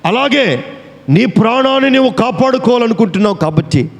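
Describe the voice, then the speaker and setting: A pastor voicing God as a stern, commanding deity. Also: male voice, very high-pitched, animated, a little fast, gravelly, slight background noise, exaggerated voice. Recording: echoey hall reverb.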